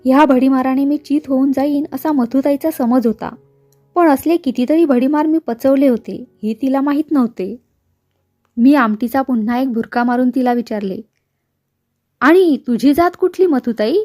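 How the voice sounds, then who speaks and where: High-voiced woman reading a novel aloud. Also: normal speed, faint music behind. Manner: steady first-person narration. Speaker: audiobook reader.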